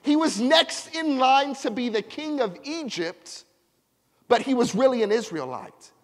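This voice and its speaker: Pastor, male, high voice, slow deliberate sermon delivery, call-and-response, recorded in a reverberant church. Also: lively intonation. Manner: preaching with call-and-response to the congregation. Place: church sanctuary.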